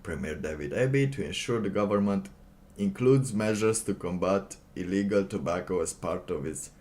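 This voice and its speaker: A livestream host gives casual commentary, reading aloud and reacting in a halting, sardonic manner and often repeating himself. His voice is low and a little mellow.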